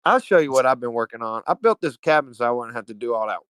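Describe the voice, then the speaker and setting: A man from Alabama with a Southern US accent, telling stories as a podcast guest in an animated, slangy, profane way. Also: mid-range voice, quick pace, clear, resonant tone. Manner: animated, slangy and profane, calls everyone dude. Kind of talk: casual storytelling chat.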